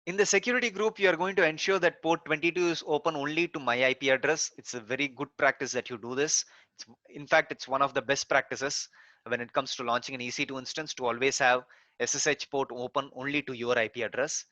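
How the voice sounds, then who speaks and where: A man gives a screen-recorded technical lesson, explaining each step with frequent "so" and "uh" fillers. His voice is bright and forceful, recorded dry and close with a slightly dull, muffled tone. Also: medium pitch, fairly even intonation, quick pace, dry recording. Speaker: course instructor.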